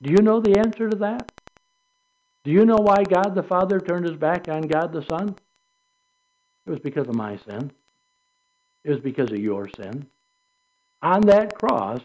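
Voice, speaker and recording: Older man, pastor, sermon, animated pitch, slightly high voice, rhetorical questions. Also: poor audio.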